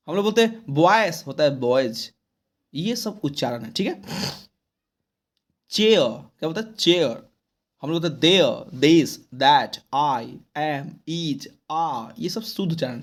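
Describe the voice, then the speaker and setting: A male English teacher from Bihar, with an Indian English accent, teaching an exam-prep lesson. He reads English answers out slowly and then explains them in quick, colloquial Hindi. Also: on the high side.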